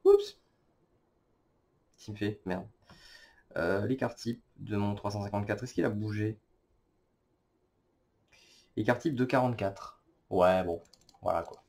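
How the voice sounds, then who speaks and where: Male vlogger, lowish voice, halting casual commentary with lots of fillers. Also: a little mellow. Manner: hesitant, many fillers and self-corrections. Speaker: cubing vlogger. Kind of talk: casual screen-recorded commentary.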